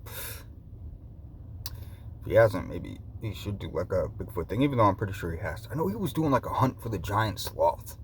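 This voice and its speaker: Low-pitched man rambling over background noise. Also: big pitch swings, moderate pace, pauses often. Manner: loose, rambling, repeats phrases. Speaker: vlogger. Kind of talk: rambling casual chat to viewers.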